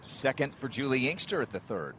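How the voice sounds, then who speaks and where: A man's voice: medium pitch, big pitch swings, brisk. A man giving live golf commentary as the lead announcer on a broadcast. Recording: noisy outdoor broadcast sound.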